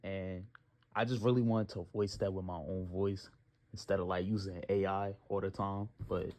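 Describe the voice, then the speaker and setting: A man's voice: low-pitched, level tone, normal speed, noisy background. A man of twenty thanking his viewers in slangy, joking casual talk, recorded on a phone. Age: 20s. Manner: slangy, joking, trash-talking. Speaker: YouTuber.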